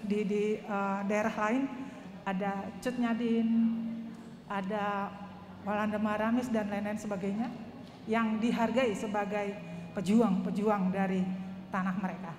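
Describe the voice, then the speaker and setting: A woman's voice: medium pitch, darkish tone, slight background noise. Earnest woman asking in an echoey hall. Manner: earnest, hesitant with many fillers. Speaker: audience member asking a question. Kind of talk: question from the floor at a talk. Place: church hall. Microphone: handheld wireless mic. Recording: echoey hall with long reverb.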